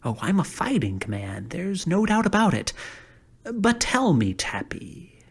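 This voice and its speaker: A woman's voice: on the low side, very animated, unhurried, husky, heavily acted. A woman voicing a cheerful, whimsical straw scarecrow in a dramatized audiobook, playful with whispery asides. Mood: jolly.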